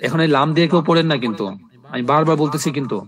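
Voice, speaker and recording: A male Arabic teacher giving a live online class, explaining step by step and drilling word forms in slow repeated lists. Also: a little high. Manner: explains step by step, often checking "ঠিক আছে?".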